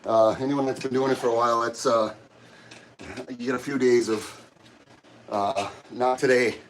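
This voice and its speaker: A middle-aged man talks to his livestream viewers while he works out, out of breath and friendly. His voice sits at an ordinary middle pitch, and his sentences wander, stall and restart. Faint background noise hums under a camera set up in the gym. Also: steady tone. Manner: halting, friendly, rambling with many restarts. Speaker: livestream host. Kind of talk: casual chat while working out on a livestream. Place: gym during a workout. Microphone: camera set up nearby.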